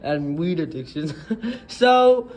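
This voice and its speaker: A man's voice: fairly high pitch, expressive, slow pace, darkish tone. A young man playing interviewer in a comedy skit, hesitant and full of fillers. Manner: hesitant, lots of fillers, giggling. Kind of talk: improvised comedic mock interview.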